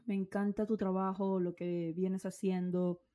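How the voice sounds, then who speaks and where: A woman's voice: mid-range voice, flat delivery, a little slow, mellow. A woman hosting a podcast, greeting and questioning her guest in an enthusiastic, effusive way. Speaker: podcast host. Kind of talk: casual podcast chat.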